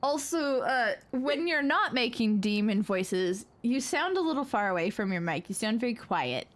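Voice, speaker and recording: A woman's voice: on the high side, very animated, normal speed. A young woman hosting a live gaming stream, chatting casually, laughing often and reacting dramatically. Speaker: streamer host.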